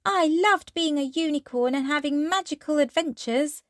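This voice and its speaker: A woman's voice: high-pitched, no room sound, studio quality, voice pushed up, lightly acted. A woman voicing a cheerful, imaginative little girl pig with a sweet, childlike delivery in a children's storybook. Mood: sweet, sleepy. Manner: sweet, childlike, drawn-out phrases. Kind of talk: children's storybook read-aloud.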